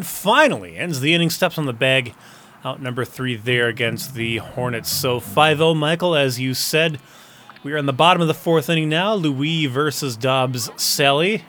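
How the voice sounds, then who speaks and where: Male baseball play-by-play caller, descriptive, slightly high voice, faint background ambience. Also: fairly bright tone, a little hiss or hum. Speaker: baseball commentator. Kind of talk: baseball video game play-by-play commentary.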